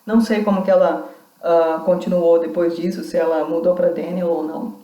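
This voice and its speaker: A woman lecturer talks through a recorded class with a warm, mellow voice. She explains carefully and often restarts her sentences. The room around her sounds echoey. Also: fairly low pitch, flat delivery, a little fast. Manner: explanatory, reads out quoted accounts, many restarts. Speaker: university lecturer.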